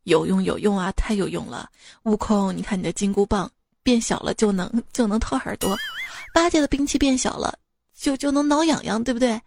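A woman voicing a calm male monk master who answers his disciples with slow, patient, deadpan teasing. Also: medium pitch, vocal fry, slight background noise, natural voice.

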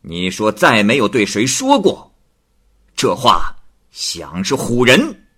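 A man voicing a stern, imperious magistrate of old China, barking slow, threatening questions in a storytelling reading. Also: mid-range voice, huge pitch swings, sharp tone, slightly rough, voice pushed up, full character voice. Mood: cold. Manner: barks questions, drawn-out threatening delivery.

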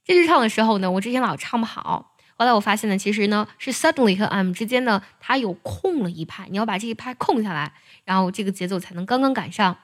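A woman teaching how to sing an English song, speaking in a patient, measured way with soft particles at the ends of her phrases. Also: medium pitch, animated. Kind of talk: explaining lyrics and singing technique.

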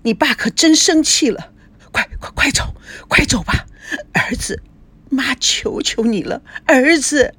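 A distraught mother, put on by a woman narrator, begs her son through tears. Her voice rises high and pleading, with a husky edge. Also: measured pace, fairly bright tone, exaggerated voice. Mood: begging. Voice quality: tearful, raised pleading.

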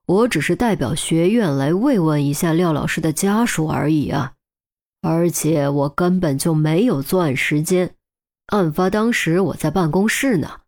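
A woman's voice: on the low side, lively intonation, a little slow, a little mellow. A woman voicing a flustered middle-aged male college administrator who pleads his innocence. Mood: pleading. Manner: pleading, defensive. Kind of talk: audiobook character voice.

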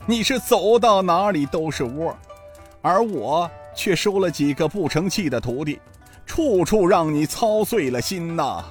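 A man's voice: on the high side, expressive, unhurried, faint music behind, voice pushed up. A man voicing a comic old male master thief who grumbles and pleads in a wheedling whine. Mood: sighing.

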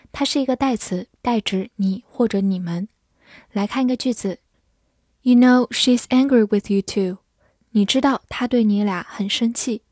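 Slow, careful woman vocabulary teacher. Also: fairly high pitch, a little mellow, no echo, studio quality. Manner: spells words letter by letter, reads example sentences slowly. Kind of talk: slow, clear vocabulary lesson.

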